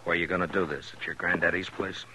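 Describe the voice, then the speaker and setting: An American actor playing a gruff but kindly middle-aged frontier marshal in a 1950s radio western. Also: male voice, low voice, steady tone, fast talker, sharp tone, slight background noise, rough recording. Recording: vintage radio recording, music behind.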